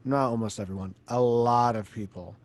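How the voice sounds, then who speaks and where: Male podcast host, mid-pitched, relaxed and talkative, long rambling questions. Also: normal speed. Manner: chatty, asks long winding questions. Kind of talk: casual interview chat.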